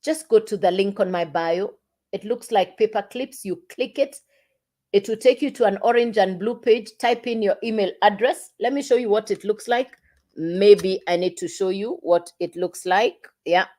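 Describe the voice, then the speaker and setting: A woman's voice: mid-range voice, normal speed, warm tone. A woman selling an online business on a livestream, talking straight to viewers and repeating herself to coax them. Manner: repetitive, coaxing, addresses viewers directly. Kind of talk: casual livestream pitch.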